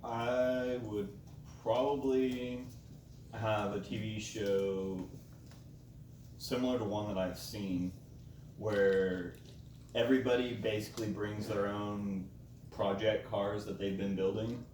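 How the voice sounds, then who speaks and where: A man's voice: on the low side, steady tone, slow, a little mellow. A man in casual chat with friends, easygoing and thinking aloud as he talks. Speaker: friend at a hot sauce tasting. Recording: roomy sound from a distant mic with faint noise.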